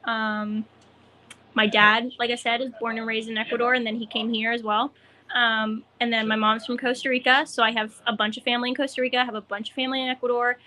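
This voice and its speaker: A woman's voice: on the high side, little pitch movement, fast, sharp tone, slight background noise. A young woman being interviewed as a guest, giggly and rambling, with lots of fillers. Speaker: guest, racer. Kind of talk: casual interview.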